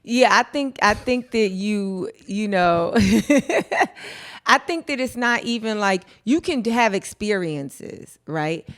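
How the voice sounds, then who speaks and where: A woman's voice: mid-range voice, expressive, slow pace, fairly bright tone. A woman who is a guest on a podcast, talking frankly and emphatically in casual chat and giving advice.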